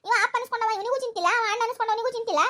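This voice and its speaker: A woman's voice: very high voice, very fast, pushed and bright. A woman playing a wailing, self-pitying village mother-in-law in a comedy skit, with a North Karnataka accent. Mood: complaining. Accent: North Karnataka Kannada. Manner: melodramatic, complaining, wailing.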